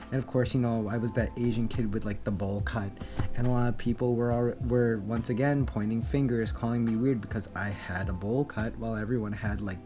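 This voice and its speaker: A man's voice: mid-range voice, warm tone. A young man telling a candid personal story, reflective and earnest, with many fillers and restarts. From Philippines. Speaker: vlogger.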